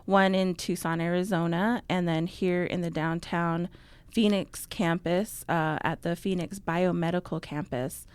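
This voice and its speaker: A young woman from New Mexico talks as a radio interview guest, her voice smooth and slightly low. She fills her sentences with ums and laughs easily. The studio sound is dry and close. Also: steady tone, measured pace, a little mellow, dry recording. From Navajo, New Mexico. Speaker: guest, outreach coordinator. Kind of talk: casual interview talk.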